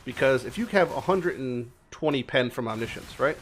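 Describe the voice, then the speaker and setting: A man's voice: mid-range voice, animated, moderate pace, slight background noise. Casual, sweary male game streamer. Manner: informal, sweary, repeats words for emphasis. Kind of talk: casual gameplay commentary.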